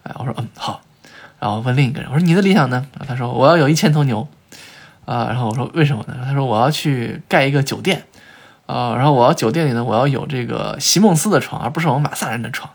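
A man as a podcast guest, telling travel stories in an animated way, with frequent filler sounds and restarts. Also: mid-range voice, rapid-fire, creaky, slightly rough. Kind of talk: conversational storytelling in a podcast interview.

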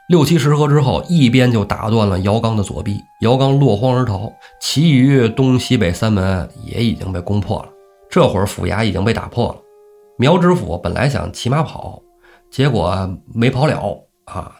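A man narrates an old tale in a relaxed podcast style. He brings the characters' shouts to life with gusto. Faint music plays behind him. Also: fairly low pitch. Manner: lively, acts out characters' shouts. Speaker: storyteller host. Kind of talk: casual storytelling podcast.

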